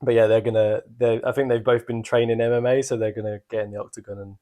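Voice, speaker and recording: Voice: mid-range voice, flat delivery, fast talker, dark tone. Jokey podcast co-host, casual and sarcastic. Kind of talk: casual comedic chat.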